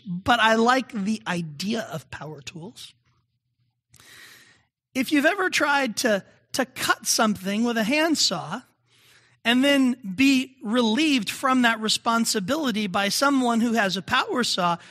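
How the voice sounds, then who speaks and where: A man's voice: very high-pitched, sharp tone. A male pastor giving a conversational sermon, often asking the congregation questions.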